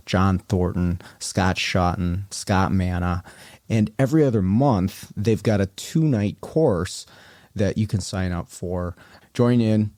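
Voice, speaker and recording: A man hosting a podcast, reading sponsor spots and chatting with a guest in a relaxed, conversational way. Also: sits low, no room sound, clean studio sound. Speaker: podcast host. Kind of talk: casual podcast interview.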